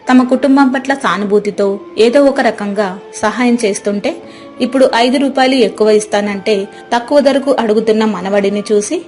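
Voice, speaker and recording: A woman narrating a cartoon moral story in a steady, sympathetic way. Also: fairly high pitch.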